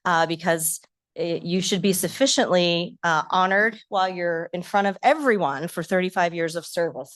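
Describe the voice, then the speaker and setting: Woman executive reading a formal resolution. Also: on the low side. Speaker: executive director. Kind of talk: reading a resolution at a public board meeting.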